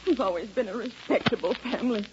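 An actress playing a proud, distraught, respectable housewife, prim and guarded, in a 1940s radio drama. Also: female voice, on the high side, fast talker, lightly acted. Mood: guarded distress. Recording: muffled, very noisy vintage radio recording.

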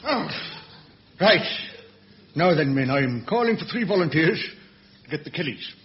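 Pompous inept inspector, high animated voice, radio comedy, muffled recording. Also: male voice, measured pace. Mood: blustering, pompous. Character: blustering, inept male police inspector rallying troopers. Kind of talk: radio comedy sketch acting.

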